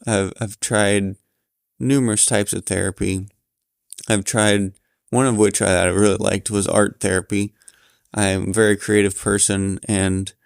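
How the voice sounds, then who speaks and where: A tired man candidly talking through his thoughts while lying in bed, pausing and restarting as he goes. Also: lowish voice, gravelly, no room sound, clean studio sound. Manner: tired, halting, reflective. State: sleepy, yawning. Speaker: vlogger recording his thoughts. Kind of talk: candid personal monologue.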